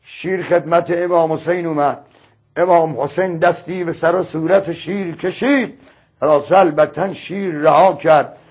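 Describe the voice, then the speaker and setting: A man's voice: fairly high pitch, steady tone, darkish tone, breathy edge. A man preacher telling a mourning religious story in a dramatic, chant-like way. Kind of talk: mourning sermon narration with chanted verse.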